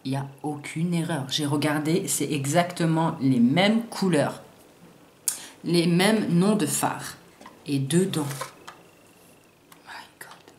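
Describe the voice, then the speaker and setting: Slangy, excitable French-speaking woman vlogger. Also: low voice. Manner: slangy and excitable, swears freely; stumbles over English product names. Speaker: beauty vlogger. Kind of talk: casual haul review with swatches. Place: sunny room at home. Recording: roomy echo, faint background hiss.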